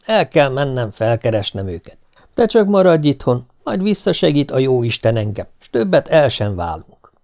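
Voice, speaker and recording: A man's voice: medium pitch, very animated, darkish tone. Man doing an ardent young fairy-tale prince. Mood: earnest. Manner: declaiming, ardent. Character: brave young prince, earnest and devoted.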